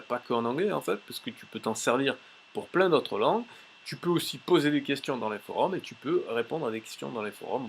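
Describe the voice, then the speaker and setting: A man teaching a language tips lesson in a casual, chatty way, pausing often with fillers as he shows a website on screen. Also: mid-range voice, a little hiss or hum. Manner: chatty, many "euh" fillers and restarts. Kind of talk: casual tutorial with screen demo.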